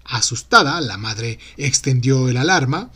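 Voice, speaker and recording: A man's voice: mid-range voice, lively intonation, measured pace, sharp tone, breathy edge. A man hosting a show, reading a true mystery story aloud as scripted narration. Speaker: podcast host and narrator.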